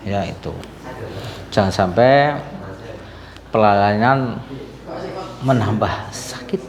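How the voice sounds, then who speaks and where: A man's voice: fairly low pitch, animated, slow pace. A man working as a sports injury masseur, teasing and laughing as he questions a patient during a treatment demo. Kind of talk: treatment demo with talk to camera.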